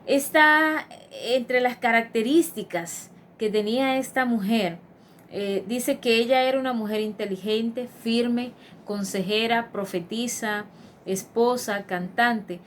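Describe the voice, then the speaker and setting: A woman's voice: a little high, takes it slowly, fairly bright tone, a little hiss or hum. A woman preaching a devotional sermon in an earnest, emphatic manner, with frequent fillers and restarts.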